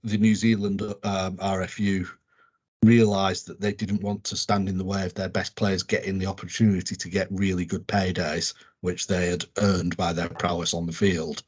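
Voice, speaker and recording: An Englishman co-hosts a casual sports podcast in a deep, level, husky voice with a darkish tone at normal speed. He rambles, with lots of ums, fillers and restarts.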